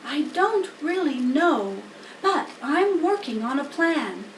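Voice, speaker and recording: Woman voicing a calm, high-voiced motherly spider. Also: takes it slowly, heavily acted. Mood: cool, light. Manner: reassuring, cool, gently firm. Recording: roomy, distant mic, faint background noise.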